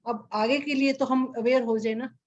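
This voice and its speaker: A woman meditation teacher on an online group call, gently reassuring participants and repeating her phrases. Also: fairly high pitch, fairly even intonation, normal speed, highs cut off. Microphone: video call.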